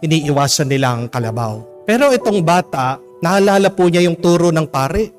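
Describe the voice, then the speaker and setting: Gentle priest telling a homily story. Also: male voice, a little high, lively intonation, normal speed, faint music behind. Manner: gentle, polite storytelling with frequent respectful particles.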